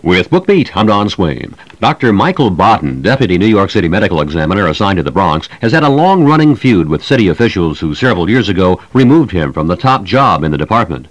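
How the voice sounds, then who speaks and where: Animated, low-voiced male radio reporter. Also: quick pace, few pauses, dry recording, rough recording. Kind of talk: scripted radio feature narration.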